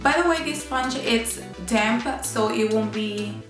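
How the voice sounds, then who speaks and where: Woman, honking nasal voice, congested with a cold, fairly high pitch, casual beauty vlog chat, roomy sound with clear background music. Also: slow. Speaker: beauty vlogger. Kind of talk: casual chit-chat makeup tutorial. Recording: roomy echo, music behind.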